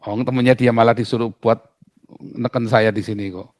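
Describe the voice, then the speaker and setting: A man's voice: mid-range voice, steady tone, a little fast, darkish tone, no room sound. Emphatic man pastor, dry close sound. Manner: emphatic, full of rhetorical questions. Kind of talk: outspoken casual talk.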